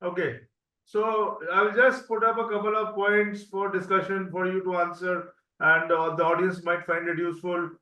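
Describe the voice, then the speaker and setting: A man moderating an online medical Q&A over a bad video-call connection, halting with many fillers. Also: high voice, little pitch movement, sharp tone. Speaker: webinar moderator. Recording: roomy, distant, dull online call audio.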